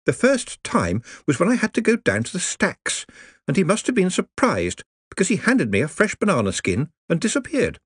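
A man's voice: a little high, huge pitch swings, fairly quick, breathy edge, dry recording, studio quality, voice pushed up, full character voice. A man voicing a cheerful, chatty woman librarian.

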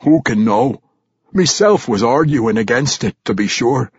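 A man voicing a gruff old male dwarf veteran with a put-on Scottish-style brogue, blunt and scolding. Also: mid-range voice, lively intonation, unhurried, dry recording, highs cut off. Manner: scolding, plain-spoken.

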